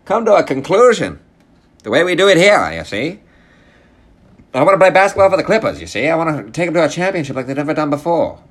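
A man's voice: fairly high pitch, sing-song, fast, voice pushed up. A man voicing an overexcited, dreamy male pro athlete in a grand, lofty way of speaking. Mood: grandiose.

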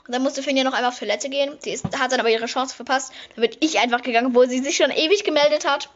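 Chatty teenage girl, lo-fi recording. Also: racing. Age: teens. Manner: chatty, bursts into high excited squeals. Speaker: vlogger. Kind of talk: casual makeup vlog chat.

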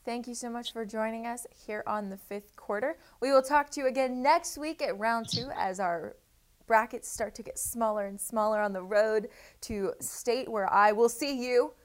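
A woman's voice: a little high, moderate pace. A woman hosting a casual sports talk show, bubbly and often tripping over her words before correcting herself.

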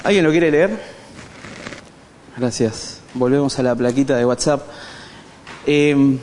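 A man with a Rioplatense Spanish accent leads an animated, joking Bible study, speaking directly to the group in a church hall. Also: medium pitch, slow pace, a little hiss or hum. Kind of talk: conversational church teaching. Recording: long hall reverb.

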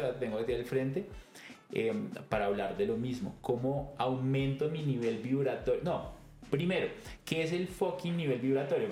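A man's voice: medium pitch, a little mellow. A man hosting a podcast, telling stories animatedly and acting out bits of dialogue. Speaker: podcast host. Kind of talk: conversational podcast talk. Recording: echoey room.

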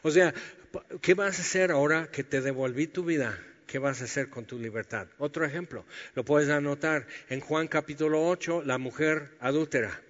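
A man preaching a sermon, telling Bible stories in a lively, humorous way. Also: a little high, moderate pace, few pauses. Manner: lively storytelling, acting out biblical scenes with humor. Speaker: pastor. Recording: reverberant hall, dull lo-fi sound.

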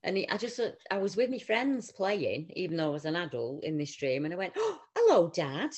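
A woman's voice: fairly low pitch, brisk. A woman, chatting casually and telling family stories, acting out her relatives' voices. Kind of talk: casual chat.

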